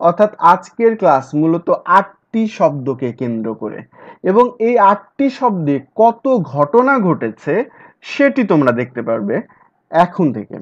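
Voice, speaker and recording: A male teacher giving an exam-prep lecture, explaining step by step and repeating key words. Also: sits high. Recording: dull lo-fi recording.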